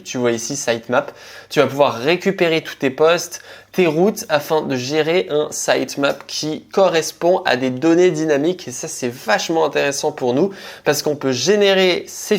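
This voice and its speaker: A man explains a web framework update in a relaxed screen-share tutorial. He speaks informally, addressing the viewer directly and dropping quick asides as he goes. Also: a little high. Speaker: tech tutorial host.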